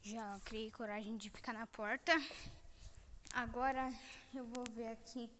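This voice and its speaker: A woman's voice: fairly high pitch, fairly even intonation, a little slow, fairly bright tone. A Brazilian woman hosting a gaming channel, giving jumpy gameplay commentary that swings between whispers and shrieks. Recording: long reverb with clear background noise.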